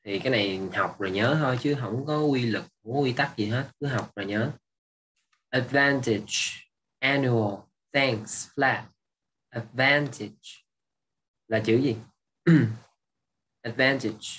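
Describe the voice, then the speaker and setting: Male English teacher, slow and husky, repeats each word and checks that students follow. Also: medium pitch, fairly bright tone. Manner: patient, repeating words and asking if students follow. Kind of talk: exam review lesson.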